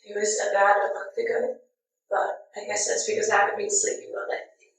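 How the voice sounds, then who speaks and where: A woman's voice: mid-range voice, completely flat delivery, brisk, lightly acted. An actress playing a young woman in a romantic melodrama. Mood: concerned, uneasy. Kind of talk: melodramatic screen drama acting. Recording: echoey room, distant mic.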